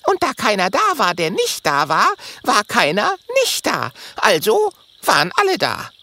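Super high squeaky little dragon for a kids audiobook, all boastful and jittery, voice swoops everywhere, gravelly edge. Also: male voice, huge pitch swings, a little slow, sharp tone, exaggerated voice. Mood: insistent. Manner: stammering, squeaky, self-important. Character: tiny boastful jittery male burrowing dragon.

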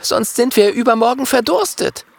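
A man's voice: very high voice, animated, normal speed, vocal fry, pitched above the performer's own voice, full character voice. A man voicing an eager young male little dragon in a storybook reading, with a chirpy manner.

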